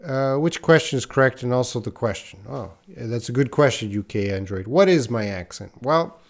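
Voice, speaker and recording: Standing by a whiteboard in a small indoor room, a man in his thirties teaches a live English lesson, taking viewers' questions with slow, patient explanations and many pauses. He's from Western Canada and has a light Canadian accent, and his medium-pitched voice is expressive.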